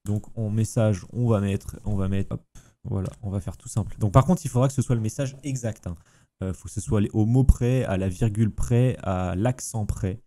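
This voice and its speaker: A man, casually talking the viewer through a software tutorial with chatty enthusiasm. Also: lowish voice. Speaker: streaming tutorial host. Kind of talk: casual screen-recorded tutorial.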